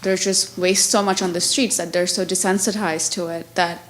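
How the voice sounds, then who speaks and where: A woman's voice: lowish voice, steady tone, normal speed, slight background noise, poor audio. A woman who grew up in Bangladesh and Thailand, asking a panel a frank, informal question from the audience.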